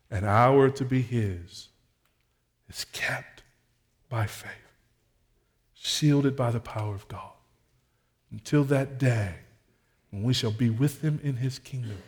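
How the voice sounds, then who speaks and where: A man preaching a sermon as pastor, reading scripture aloud with rising force and dropping to a soft, low voice for appeals.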